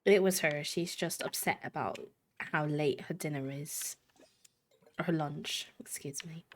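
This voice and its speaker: An American woman live streamer chats casually on a game stream, rambling and poking fun at herself. Her voice is low and unhurried, with a little hiss or hum in the background.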